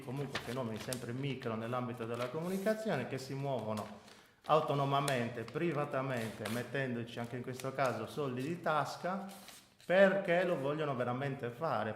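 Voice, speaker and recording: A man in his forties from Sardinia, answering as a guest in a radio interview in an emphatic way, often repeating his points for weight. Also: mid-range voice. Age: 40s. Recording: roomy echo.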